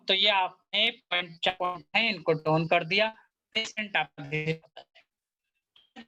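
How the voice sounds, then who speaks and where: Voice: mid-range voice, bright, forceful tone. A teacher of acupuncture and Chinese medicine giving a workshop lecture, explaining step by step with patient case stories and repeating key terms.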